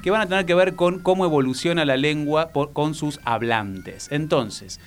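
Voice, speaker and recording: A man with a Rioplatense Argentine accent speaks as a teacher, calm and methodical, pausing on little "eh" fillers as he builds his explanation. His pitch sits in a middle register. Faint music plays underneath. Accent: Argentine Rioplatense Spanish. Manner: patient, measured, frequent "eh" fillers and "¿no?" tags. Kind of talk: explanatory educational talk.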